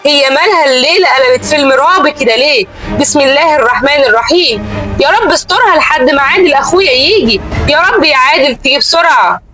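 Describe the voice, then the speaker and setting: A woman's voice: high-pitched, expressive, fast talker, bright, forceful tone, rough recording. A woman with an Egyptian Arabic accent voicing an anxious but composed young female journalist in a horror story. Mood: frightened, composed. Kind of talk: dramatic horror story character acting.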